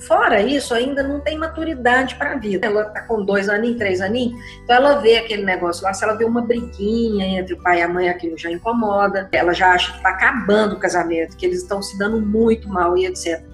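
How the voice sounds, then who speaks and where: Expressive Brazilian woman in echoey room. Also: medium pitch, quick pace, faint music behind. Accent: Brazilian Portuguese. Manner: conversational and expressive, acts out quotes. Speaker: systemic constellation therapist. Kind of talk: explaining listener questions.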